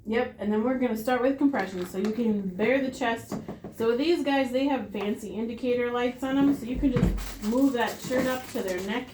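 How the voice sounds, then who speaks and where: A woman's voice: on the high side, normal speed, noisy background. A woman teaching a hands-on CPR class, patient and practical, encouraging her students. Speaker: CPR instructor. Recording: roomy classroom sound.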